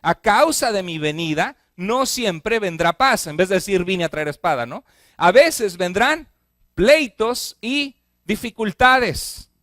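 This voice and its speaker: A male pastor preaches to his church in a fairly high voice. He keeps turning to the congregation with questions, rushing through lists and then slowing to press a point home. The sound is dry and close, with little room echo. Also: a bit bright. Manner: asks the congregation frequent questions; speeds up on repeated lists, slows for emphasis. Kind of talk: sermon.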